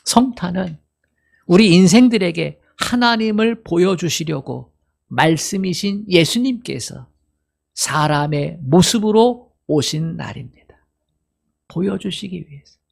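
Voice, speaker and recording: A middle-aged man preaches a sermon in a rough, gravelly voice that sits a little higher than most men's. He keeps asking the congregation questions and answering them himself, and he slows down to act out the dialogue he quotes. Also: lively intonation. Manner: acts out quoted dialogue in a slowed voice. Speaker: pastor.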